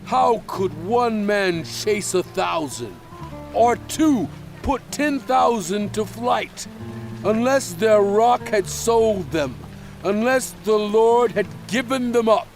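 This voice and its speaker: An actor playing Moses as a solemn prophet in a dramatized scripture reading, declaiming in deliberate phrases. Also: male voice, high voice, animated, gravelly, soft background music, heavily acted. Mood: stern.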